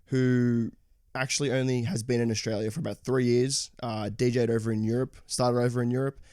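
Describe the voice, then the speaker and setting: A man's voice: mid-range voice, little pitch movement, fairly quick, darkish tone, dry recording. Male podcast host, dry close sound. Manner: hesitant, many "sort of" fillers. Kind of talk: casual podcast interview.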